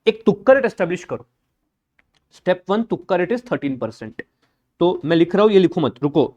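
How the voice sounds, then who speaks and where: A high-pitched man lectures a live class. He talks in a brisk, blunt and informal way, teasing his students as he works through each step. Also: lively intonation, darkish tone, muffled recording. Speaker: accounting lecturer.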